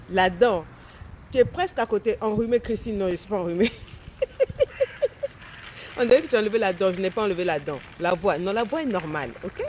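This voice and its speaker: A woman's voice: medium pitch, a little mellow, slight background noise. A woman in her forties, a life coach chatting casually on a live stream, talking with a slight lisp from a dental aligner and answering viewers' comments. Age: 40s.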